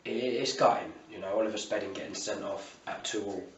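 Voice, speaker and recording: A man's voice: fairly low pitch, steady tone, fast talker, crowd noise. A man with a south-east English accent giving a colloquial, matey post-match interview as a football manager, peppered with "you know". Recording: roomy, distant mic, faint ambient noise.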